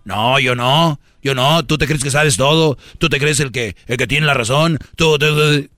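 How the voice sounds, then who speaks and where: A man's voice: mid-range voice, moderate pace, pushed and bright, dry recording, clean studio sound, soft background music. A man hosting a comedy radio show, teasing and mock-scolding his listeners in slangy casual talk. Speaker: radio host.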